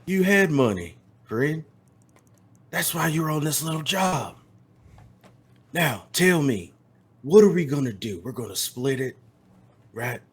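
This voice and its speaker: A man voicing a menacing vampire biker who speaks in a slow, threatening drawl. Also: on the high side, big pitch swings, husky, pitched above the performer's own voice, full character voice. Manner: slow drawl, calls people friend and son.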